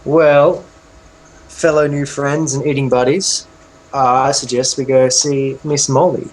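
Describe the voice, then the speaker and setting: A man voicing a small, food-loving gnome urchin who chatters cheerfully and always angles for a meal. The voice stays at an ordinary male pitch, close to the player's own. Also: little pitch movement, unhurried, natural voice, low-quality recording. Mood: jovial.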